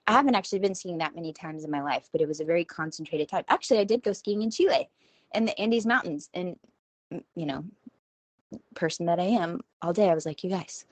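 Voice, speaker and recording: Low-voiced chatty Texan woman. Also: no room sound. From Texas, US. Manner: chatty, self-deprecating, rambling. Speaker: podcast host. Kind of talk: casual solo monologue. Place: home kitchen.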